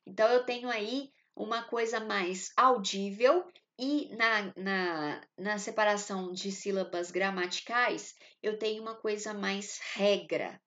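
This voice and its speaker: A woman's voice: medium pitch, fairly bright tone. A woman with a Brazilian Portuguese accent teaching a literature lesson. She explains step by step and often stops to check that the class is following. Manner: explanatory, checks in often with short tag questions.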